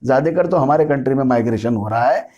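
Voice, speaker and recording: A man teaching a school geography lesson, reading definitions slowly in English and explaining them in Hindi, often asking and answering his own questions. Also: medium pitch, dark tone, muffled recording. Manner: repetitive, self-correcting, asks and answers his own questions. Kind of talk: classroom lecture mixing Hindi and English.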